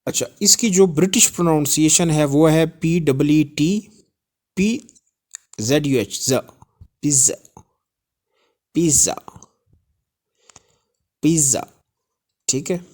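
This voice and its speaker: A man teaching English pronunciation in a spoken lesson, spelling out letters and repeating each word slowly. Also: fairly high pitch, darkish tone.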